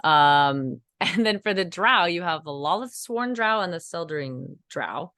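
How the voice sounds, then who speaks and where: A woman's voice: lowish voice, lively intonation, unhurried, a bit bright, no room sound, clean studio sound. A woman co-hosting a casual chat while getting over a cold, talking loosely with lots of fillers and restarts and the odd giggle. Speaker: co-host.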